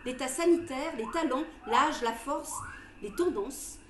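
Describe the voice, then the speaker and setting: A woman's voice: sits high, a little slow. A woman storyteller giving a theatrical, scripted narration indoors. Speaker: storyteller, stage performer. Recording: roomy with faint background noise.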